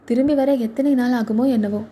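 A woman's voice: on the high side, fairly quick, warm tone, slight background noise, close to an everyday voice. Kamali, a woman voicing a cheerful young wife. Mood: coaxing. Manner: coaxing, questioning. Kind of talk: storybook reading.

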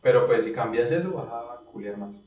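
A young man talks through dating troubles in loose, slangy banter, his pitch sitting right in the middle. He makes his points with examples. The sound is roomy, picked up from some distance off the mic. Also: lively intonation, a little fast, narrow, tinny audio. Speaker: podcast co-host. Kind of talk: casual chat.

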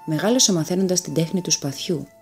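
A woman narrating a fairy tale in a calm, measured storytelling manner. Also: lowish voice, soft background music.

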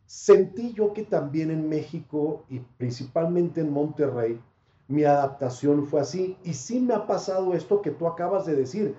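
Panamanian-born man, mellow, echoey room. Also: fairly high pitch, lively intonation, moderate pace. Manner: reflective, digressive, laughs often. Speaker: sports commentator guest. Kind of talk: casual interview chat. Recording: dull lo-fi sound in an echoey room.

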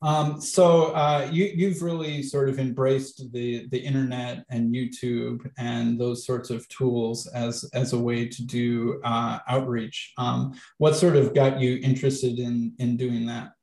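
Flat-voiced male YouTube host, roomy. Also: medium pitch, measured pace, creaky, few pauses. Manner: casual, filler-heavy questions. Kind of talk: interviewing a guest on a video call. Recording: roomy echo.

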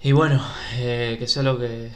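A man's voice: mid-range voice, level tone, measured pace, close to an everyday voice. A man with an Argentine accent playing an incredulous male patient in a comic sketch, blunt and full of questions. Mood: wary.

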